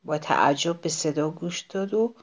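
A woman narrating a children's story, expressive and speaking directly to the children listening. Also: low-pitched.

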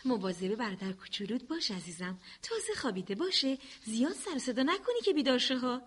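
A woman's voice: high voice, lively intonation. A woman voicing a caring young mother in a cartoon, tender and affectionate, fussing over her sons.

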